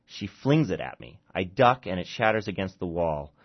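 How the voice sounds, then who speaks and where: A man, an author, reads his own short story aloud and chats haltingly with fillers between readings, in a dull lo-fi recording. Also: low-pitched, lively intonation. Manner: halting, with fillers, when chatting.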